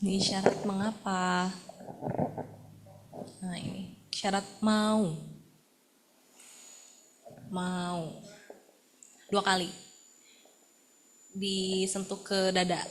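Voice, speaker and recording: A woman's voice: mid-range voice, level tone, very slow, long pauses, a little hiss or hum. A woman, leading a sign language workshop and calling out words one by one for participants to practice. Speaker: workshop facilitator.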